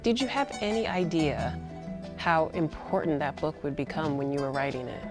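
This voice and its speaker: A woman's voice: deep voice, animated, normal speed, over music. A woman asking serious questions as a television interviewer.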